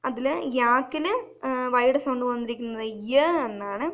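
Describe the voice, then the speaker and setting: A young woman teaching children letter sounds, slowly and repetitively, asking questions and answering them herself. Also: on the high side, a bit bright. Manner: slow, repetitive, asks and answers her own questions. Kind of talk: phonics lesson for children.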